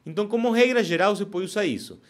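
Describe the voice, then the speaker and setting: This man's voice is high-pitched and very fast as he teaches Spanish in a casual online lesson. He explains step by step and regularly checks in with "ok?".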